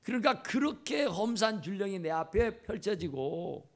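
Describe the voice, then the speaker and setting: A male pastor delivers an impassioned sermon in a church, hammering home repeated phrases. His voice is gravelly and fairly high for a man, and it swings widely between loud exclamations and hushed asides. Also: expressive, normal speed. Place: church sanctuary. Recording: church camera recording.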